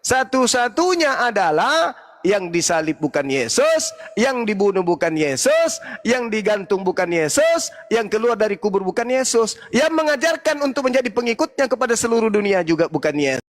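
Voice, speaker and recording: A man arguing in a heated interfaith debate, preachy and mocking, at times mimicking shrill cries for help. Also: sing-song, moderate pace, in a large hall.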